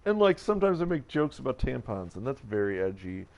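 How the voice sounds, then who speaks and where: A man's voice: mid-range voice, big pitch swings, a little fast, vocal fry, a little mellow, lo-fi sound. A man streaming a video game, rambling and joking about whatever comes to mind with self-mocking asides. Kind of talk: casual let's-play commentary.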